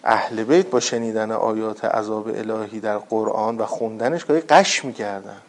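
A man giving a colloquial religious talk to listeners, speaking conversationally and acting out the voices of people he quotes. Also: lowish voice. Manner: conversational, acts out quoted voices with rising intensity.

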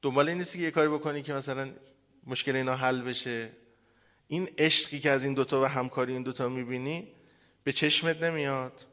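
A male cleric delivering a sermon, moving from impassioned preaching to a softer, mournful recitation. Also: mid-range voice, steady tone. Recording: long reverb of a hall.

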